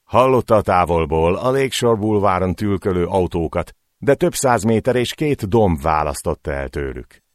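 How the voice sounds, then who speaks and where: Brief: deep male audiobook reader, lively pitch swings, dry close sound. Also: dry recording. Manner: dramatic, voicing cries in the scenes. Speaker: audiobook narrator. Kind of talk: scripted narration of a short story.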